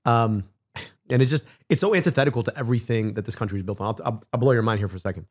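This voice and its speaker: A man in his thirties from Michigan, giving animated casual commentary on a clip and repeating words as he gets going. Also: mid-range voice, very fast. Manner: animated, emphatic, repeats words when excited. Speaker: stream co-host reacting to clips.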